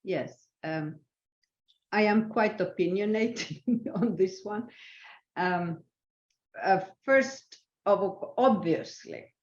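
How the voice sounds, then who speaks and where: An older woman whose native language is Swedish, answering interview questions as a senior guest in a measured, halting, thoughtful way. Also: mid-range voice. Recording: roomy echo, dull lo-fi sound.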